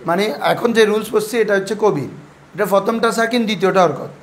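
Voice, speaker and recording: A man's voice: high voice, quick pace. A man teaching a class of pupils, asking them questions over and over and having them answer back. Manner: quizzing, repeats questions and has pupils answer. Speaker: teacher of Arabic grammar and Quran recitation rules.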